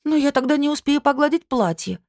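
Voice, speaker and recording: A woman's voice: mid-range voice, brisk, dark tone, dry recording, clean studio sound, voice pushed up, lightly acted. A woman reading an audiobook, voicing a plaintive young woman who whines about a broken iron. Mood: tearful.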